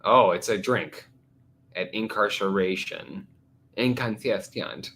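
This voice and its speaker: A woman's voice: very deep voice, takes it slowly, a bit bright. A young adult woman hosting a casual live stream chat, full of crude teasing jokes. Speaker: host.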